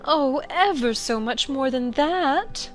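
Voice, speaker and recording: Feeble, dithery queen, played by a woman, fairly high and swooping, plaintive storybook acting. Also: lively intonation, slow, soft background music.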